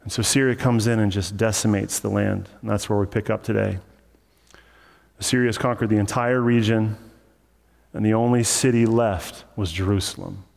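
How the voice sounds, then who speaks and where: A man's voice: fairly low pitch, steady tone, normal speed, gravelly, darkish tone. A man preaching a sermon as pastor, teaching through scripture in a casual, conversational way with joking asides. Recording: long reverb of a large hall.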